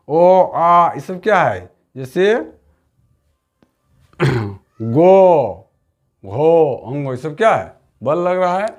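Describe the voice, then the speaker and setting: A man teaching a grammar lesson for exam prep. He keeps asking the class questions, answers them himself, and stretches key sounds out slowly. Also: on the high side. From Jharkhand.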